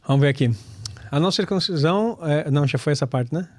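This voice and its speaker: A man's voice: a little high, fast, darkish tone, dry recording. A man, teaching scripture in a casual, chatty way, calling listeners brother and laughing often. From Brazil. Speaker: pastor and Torah teacher.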